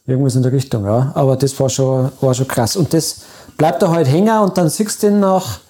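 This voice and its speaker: A man, co-hosting a casual chat, rambling quickly. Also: medium pitch, dark tone. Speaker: podcast co-host.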